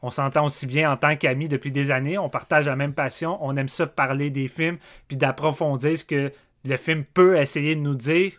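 Quebec French male co-host, bright, fairly high voice, animated casual chat. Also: normal speed. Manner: animated, repeats words when starting a thought. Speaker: podcast co-host.

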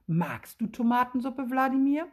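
A woman's voice: high voice, animated, moderate pace, darkish tone, pitched above the performer's own voice. A woman doing a welcoming storybook mother. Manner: friendly and hospitable. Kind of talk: children's story reading.

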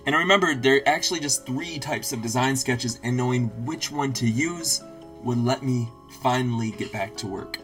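A man's voice: medium pitch, normal speed, a bit bright, soft background music. Upbeat guy doing a tidy advice vlog, informal tutorial host, plain talk w/ emphasis on each tip. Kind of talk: scripted advice vlog narration with numbered tips.

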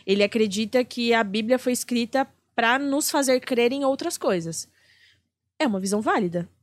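A woman's voice: a little high, expressive, normal speed, dry recording. A woman comedian, a guest on a podcast, chatting casually and swearing freely.

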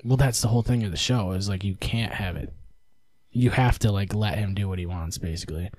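A young man co-hosting a podcast, talking loosely with frequent laughs and casual swearing. His voice sits low and mellow. The sound is close and dry, with no room around it. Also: brisk, dry recording. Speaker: podcast co-host. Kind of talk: casual chat.

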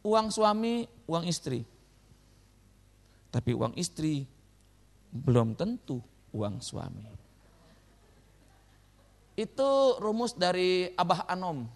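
A man preaching a sermon as pastor, lively and joking with his congregation in a church. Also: sits high, slow, pauses often.

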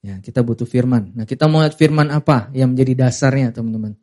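A young man preaching a sermon, animated and emphatic, leading his audience in call-and-response and dropping to quiet, serious asides. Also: fast talker. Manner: animated, rising to high emphatic peaks, then dropping to quiet; calls and response, has the audience repeat lines. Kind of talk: sermon to a youth congregation.

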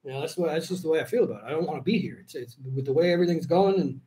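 High-voiced man, rambling and laughing. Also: animated, racing, dark tone. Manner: rambling, profane, laughs often mid-sentence. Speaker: podcast guest. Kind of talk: casual conversation.

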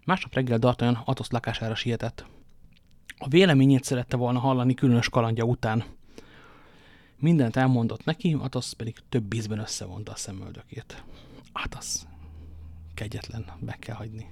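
A man narrating a classic novel as an audiobook in a measured, dramatic storytelling manner. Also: medium pitch, vocal fry, a little mellow, no echo.

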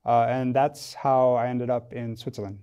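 Thoughtful and hesitant, a Wisconsin-born American tech company founder explains things as a podcast guest in a casual studio interview. His mid-range voice keeps a level tone and moderate pace, sounding mellow, clear and resonant.

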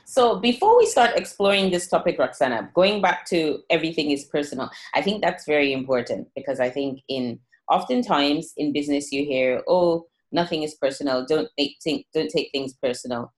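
A woman hosts a podcast interview, welcoming her guest and drawing her out in an upbeat, encouraging way. Her voice sits somewhat low for a woman. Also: expressive, moderate pace, hardly any pauses. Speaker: podcast host.

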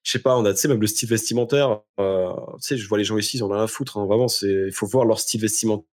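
This young Frenchman, a guest in an interview, chats casually with a fairly low, slightly mellow voice at a racing clip. His talk is informal and slangy, full of emphatic repetition.

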